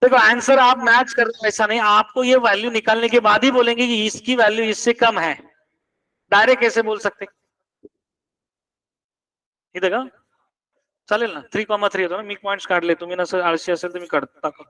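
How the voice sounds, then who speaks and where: A man's voice: high voice, fairly even intonation, brisk, pushed and bright, far from the mic, poor audio. A man teaching math in a classroom, quizzing students and pressing them to check each step. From India.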